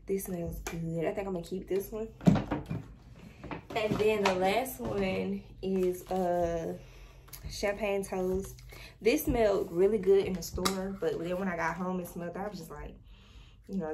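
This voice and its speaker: A young woman vlogger in casual, informal chat, talking straight to her viewers from a small bedroom, recorded on a camera at desk distance. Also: mid-range voice. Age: young adult. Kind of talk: casual haul vlog chat. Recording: noisy background hiss.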